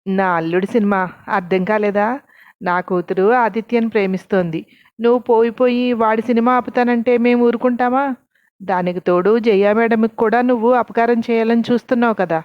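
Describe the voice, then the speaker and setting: A bold, bossy servant woman in an audio storybook who mocks her captive, as a woman narrator plays her. She speaks with sharp sarcasm. The sound is dry. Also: mid-range voice, brisk, no echo, lo-fi sound, close to an everyday voice. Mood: sarcastic.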